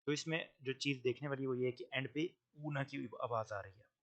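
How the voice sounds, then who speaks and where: Guy teaching arabic grammar, urdu native, medium voice, calm and patient, repeats word pairs slow. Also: medium pitch. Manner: explains patiently, drills word pairs slowly. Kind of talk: recorded online lesson.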